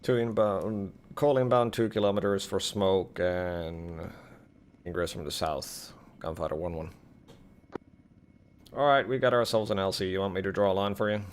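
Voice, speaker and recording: A man acting as co-pilot in a military flight sim, giving steady, clipped radio calls and directions. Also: deep voice, moderate pace, slight background noise. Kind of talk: gaming chat and radio calls.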